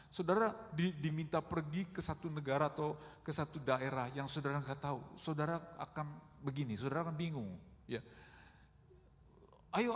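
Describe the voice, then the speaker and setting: A middle-aged pastor with a slightly high voice preaches a conversational sermon in a church hall, where long reverb trails his words. He often calls the congregation "saudara" and acts out quoted speech with big swings in loudness.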